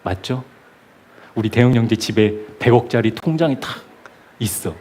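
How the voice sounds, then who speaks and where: A man preaching in a church. He tells a story in lively bursts and slips into voices as he quotes people. His pitch sits in a middling range. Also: normal speed, a little hiss or hum. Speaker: pastor. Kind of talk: sermon.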